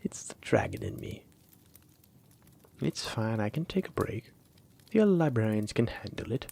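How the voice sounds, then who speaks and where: A man with a lowish, dark, sing-song voice plays a flirtatious, teasing librarian with dragon blood in a roleplay audio drama. He's coy and persistent, drawing out his phrases and slipping in breathy asides.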